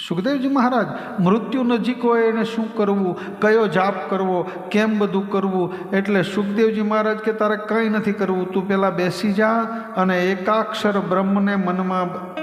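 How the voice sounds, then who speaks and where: Gujarati accented guy preaching a katha, high voice, big echoey hall, bit of music under it. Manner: lively storytelling, acts out quoted voices. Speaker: Bhagavat katha storyteller. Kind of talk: devotional scripture discourse.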